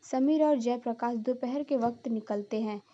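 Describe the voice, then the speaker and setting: A woman's voice: on the high side, normal speed, warm tone, highs cut off. A woman narrating a cartoon story in plain storytelling style.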